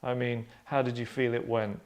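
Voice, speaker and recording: Indoors in a furnished room, a middle-aged scriptwriter reads stage directions and explains his work casually, earnest and rambling as he narrates. His voice is medium-pitched with a flat delivery at a moderate pace, and crowd noise is audible.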